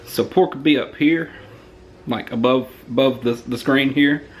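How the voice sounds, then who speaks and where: A Southern American man gives a rambling, joking food review at home. His voice sits at an everyday pitch. A faint hiss runs under it. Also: a little slow.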